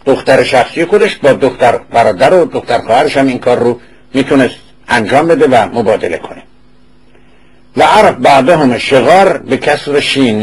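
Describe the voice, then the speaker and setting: Husky-voiced man giving a lecture. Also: mid-range voice, low-quality recording. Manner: reads classical Arabic passages aloud, then explains them in casual colloquial speech; repeats and corrects words to settle pronunciation. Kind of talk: informal lecture.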